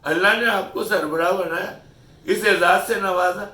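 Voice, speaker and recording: Recorded far from the mic in an echoey room, a middle-aged channel host from Pakistan delivers an opinion piece. His high, pushed, bright voice scolds and lectures the audience. He leans heavily on rhetorical questions.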